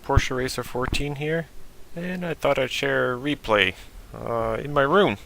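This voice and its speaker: A man giving relaxed, casual commentary over a game replay, thinking aloud with fillers. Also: mid-range voice, unhurried, creaky. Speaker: gaming video host.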